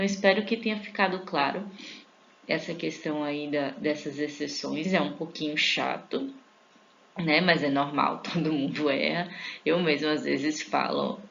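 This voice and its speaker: A woman's voice: low-pitched, gravelly, a bit bright, highs cut off, slight background noise. A Portuguese-speaking woman teaching an online English grammar lesson, casual with her viewers and drawing out each English example word. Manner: informal, addresses viewers as a group; stretches out English example words slowly.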